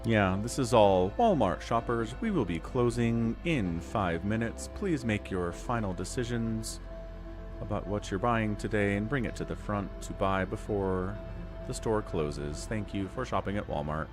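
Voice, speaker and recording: A man imitating a supermarket announcer calling out closing time in a slow, formal announcement style. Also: lowish voice, animated, over music. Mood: mock-formal. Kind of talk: mock announcement during a game stream.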